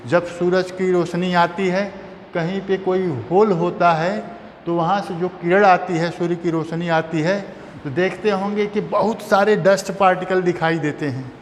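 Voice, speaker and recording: A man's voice: high voice, steady tone, measured pace. A man teaching a chemistry lesson, repeating terms and asking and answering his own questions. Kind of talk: classroom lecture. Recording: long reverb, faint background noise.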